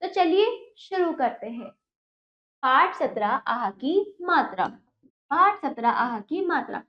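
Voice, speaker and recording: A woman teacher giving a children's lesson, slowly repeating each word and asking simple questions. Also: sits high, sing-song. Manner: slow drilling, repeats each word carefully with rising questions. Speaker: Hindi teacher. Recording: roomy, dull lo-fi sound.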